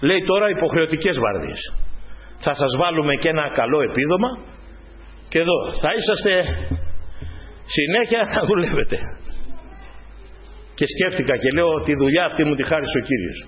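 Fervent high-voiced man preaching. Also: lively intonation, long pauses, dull audio. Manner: fervent, repeatedly addressing the congregation as brothers. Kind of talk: sermon with personal testimony.

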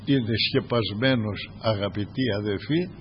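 An older man preaching a sermon, swinging from loud exhortation to softly murmured praise asides. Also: fairly low pitch, muffled recording, a little hiss or hum.

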